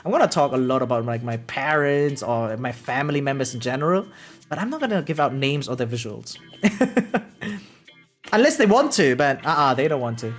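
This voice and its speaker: This young adult streamer answers and reads out comments in a casual chat with viewers while music plays in the background. Expressive and mid-range, the voice moves at normal speed. The delivery wanders and repeats words, with loose profanity and plenty of self-mockery.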